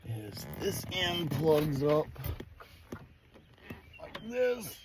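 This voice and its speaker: A man with a fairly high, very animated voice speaks very slowly as he vlogs a DIY car project outdoors at a vehicle. He's folksy and easygoing, thinking aloud while working, and the outdoor recording is noisy with wind and ambience.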